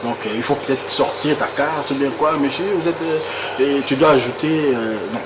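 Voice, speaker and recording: A man's voice: mid-range voice, normal speed. A man from Congo interviewing a footballer and reading out viewers' questions, often repeating words as he searches for his phrasing. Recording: noisy room with air conditioning.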